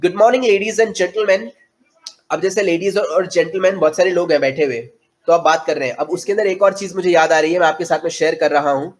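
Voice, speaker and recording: A man in his twenties with an Indian accent teaching an online spoken English class. He switches between Hindi explanations and slow, carefully spaced English model sentences. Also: high-pitched. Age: 20s.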